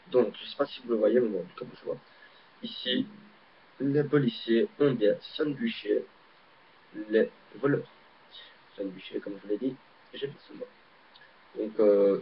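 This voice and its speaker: A man with a Belgian French accent, casually demonstrating a card trick in a rambling, hesitant way with many fillers, recorded on a laptop webcam mic. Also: on the low side. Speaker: amateur magician. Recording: dull lo-fi webcam audio, faint hiss.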